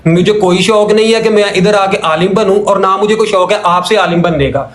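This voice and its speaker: A man calling in to a religious debate, arguing heatedly, laying out his points one by one and repeating them. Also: high voice. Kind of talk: heated call-in argument. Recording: echoey room sound.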